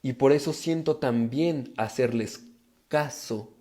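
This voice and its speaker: Male speaker, emphatic live talk, mellow warm tone, medium pitch. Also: slow pace. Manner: emphatic, animated, addresses viewers directly. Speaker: personal growth speaker. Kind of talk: live talk reading viewer comments.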